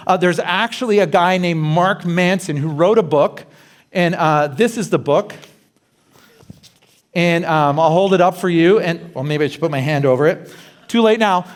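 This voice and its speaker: A middle-aged male pastor from Canada preaching a sermon, animated, acting out worried self-talk and dropping quiet for questions to the listener. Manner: animated, acts out anxious self-talk with rising pitch. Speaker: guest pastor.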